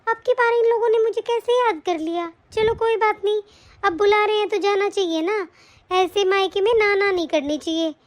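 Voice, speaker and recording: A woman voicing a gentle, humble elderly aunt in an animated story, speaking softly and modestly. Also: very high voice, normal speed. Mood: content. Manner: soft, modest, affectionate.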